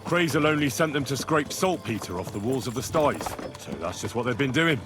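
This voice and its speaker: A man's voice: medium pitch, lively intonation, fairly quick, natural voice. An actor playing an earnest, plain-spoken young medieval man in a video game, with a straightforward manner. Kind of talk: video game dialogue acting. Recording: music behind the voice.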